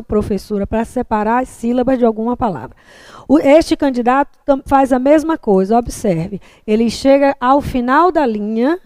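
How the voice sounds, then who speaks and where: A woman's voice: a little high, a little mellow, dry recording. Brazilian woman teacher, patient explainer. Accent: Brazilian Portuguese. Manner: patient, explanatory, frequent checks like "tá?". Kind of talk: classroom lecture on writing.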